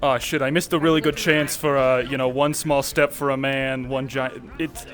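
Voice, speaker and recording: A man's voice: medium pitch, little pitch movement, normal speed, a bit bright, soft background music. A man roleplaying a war reporter in casual, joking in-character chat, rambling with fillers.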